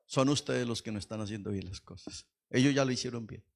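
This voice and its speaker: This pastor's lively Pentecostal sermon shifts from hushed remarks to shouts as he quizzes the congregation. He speaks briskly in a mid-range voice with vocal fry.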